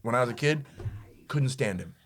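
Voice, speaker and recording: A man's voice: mid-range voice, moderate pace. A man in his forties co-hosting a comedy podcast, chatting casually, laughing often and breaking into bits of song. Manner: animated, laughs often, breaks into sung snippets.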